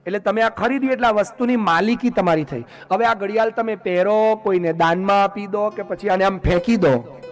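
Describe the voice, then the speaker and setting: A man with a high voice preaches a devotional discourse. He keeps turning to his listeners with questions and then answers them himself. Faint music plays underneath. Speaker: religious discourse speaker. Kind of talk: devotional sermon.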